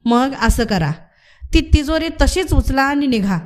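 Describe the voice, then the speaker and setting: A woman's voice: high-pitched, lively intonation, unhurried, pitched above the performer's own voice. A woman voicing a bold, defiant rebel leader man who gives orders in rustic village speech. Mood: commanding.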